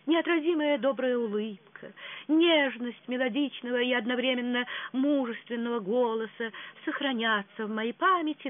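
A reader voicing a lovestruck young actress who gushes in breathy, rapturous exclamations, from an audiobook. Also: medium pitch, pitched above the performer's own voice, close to an everyday voice. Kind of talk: audiobook reading. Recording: tinny phone-like sound.

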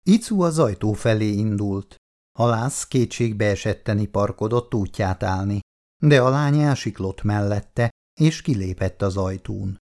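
A man reading a novel aloud in measured narration. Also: on the low side, expressive, a little mellow. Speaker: reader.

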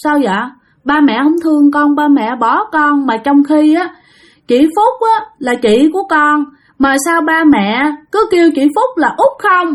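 A woman's voice: high voice, animated, a little slow, pitched above the performer's own voice. A woman voicing the spirit of a small girl who talks in a whiny, pleading, childish way. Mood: reproachful. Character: whiny little girl spirit possessing her mother.

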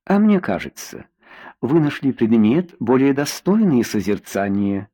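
A man's voice: mid-range voice, big pitch swings, measured pace. A man voicing a proud, suspicious young queen in an audiobook, speaking coolly and sharply. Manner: cool and sharp.

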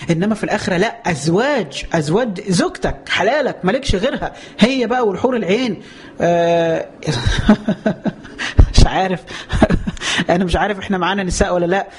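An Egyptian-accented man preaches in a high, quick voice, in a lively colloquial way. He piles up rhetorical questions and drawn-out exclamations, then slows down to recite scripture. The pace stays brisk between the recitations. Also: slight background noise. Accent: Egyptian Arabic. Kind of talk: colloquial religious lesson with slow scripture recitation.

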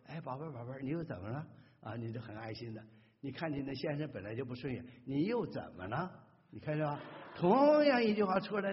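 A man preaching a sermon as pastor, with animated, emphatic delivery and rising stresses. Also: medium pitch. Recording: dull audio with long hall reverb.

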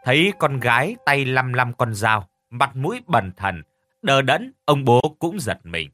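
A man narrating a scripted horror story with dramatic, expressive delivery. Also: mid-range voice, unhurried, no room sound. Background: faint music.

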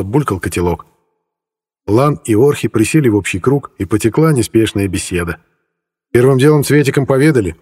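A man narrating an adventure story in an even storytelling manner. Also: medium pitch. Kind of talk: audiobook narration. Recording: long reverb.

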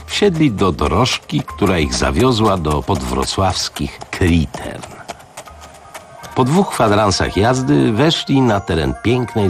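A man narrating an audiobook on radio with an expressive, dramatic delivery. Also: very deep voice.

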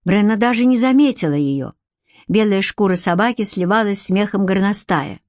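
A woman's voice: medium pitch, normal speed, a little mellow, no echo. Woman narrating an audiobook, dry and close. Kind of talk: scripted narration.

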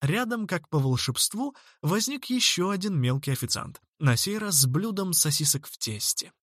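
A man's voice: high-pitched, expressive, normal speed, a bit bright, no echo. Man narrating a story, dry close sound. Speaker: audiobook narrator.

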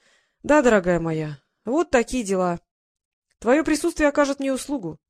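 A woman's voice: on the high side, big pitch swings, normal speed, darkish tone, dry recording, studio quality. A woman voicing a domineering elderly aunt, a duchess, in an audiobook, speaking firmly and decisively. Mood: commanding. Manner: firm and commanding, decisive. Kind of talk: audiobook character reading.

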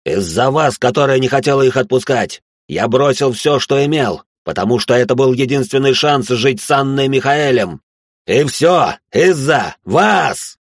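A defiant, hot-tempered father, played by a man in an audiobook. He argues back indignantly in a low, husky voice. The sound is close and dry. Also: brisk, no room sound, close to an everyday voice. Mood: shouting. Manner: tense, indignant, shouting back.

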